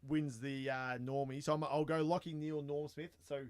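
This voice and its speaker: Chatty Australian podcast co-host. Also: male voice, a little high, little pitch movement, normal speed, clear, resonant tone. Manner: chatty, laughs along, retells stories acting out voices. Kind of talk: casual chat.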